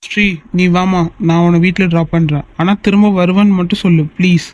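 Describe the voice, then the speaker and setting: A man voicing a fast, high young peacemaker. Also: fairly even intonation, a little mellow, dull audio, slight background noise, natural voice. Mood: pleading. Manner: pleading, reasoning. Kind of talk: Tamil cartoon voice acting.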